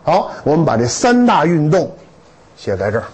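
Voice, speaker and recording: A man lecturing to students in a lively, humorous way, with stories and rhetorical questions. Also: a little high, normal speed, husky, poor audio.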